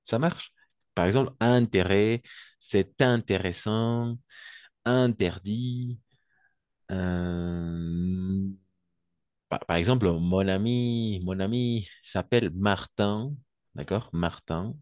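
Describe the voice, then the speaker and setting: A man's voice: on the low side, darkish tone, dry recording, muffled recording. A man teaching French to Spanish speakers, explaining patiently, switching into Spanish and checking in again and again. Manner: slow, patient explaining, constant "d'accord?" checks.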